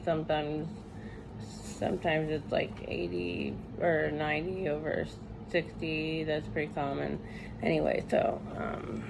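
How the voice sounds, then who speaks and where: Woman, post-surgery patient vlogger, weak and weary, gravelly fry, halting casual delivery over clear background noise. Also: fairly low pitch. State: tired, recovering from surgery. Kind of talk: casual chat to camera. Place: hospital room.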